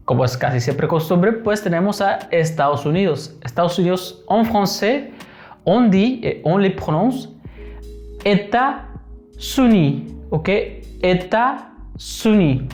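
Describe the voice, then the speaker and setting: A man teaching a beginner French lesson, patiently repeating each word slowly and checking in with his students. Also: on the high side, darkish tone.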